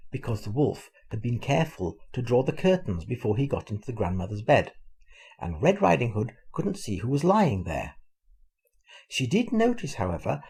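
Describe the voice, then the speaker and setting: An older man reads a fairy tale aloud to his grandchildren. His delivery is animated, and his pitch moves widely. His voice is gravelly and husky. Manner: expressive, animated storytelling. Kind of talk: storybook reading.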